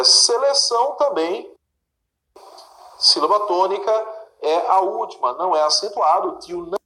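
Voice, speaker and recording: A man's voice: a little high, bright, forceful tone. A male teacher walks through exam questions step by step, asking questions and then answering them himself. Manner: asks and answers his own questions, checks in with the listener. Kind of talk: recorded exam-prep lesson. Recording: echoey room.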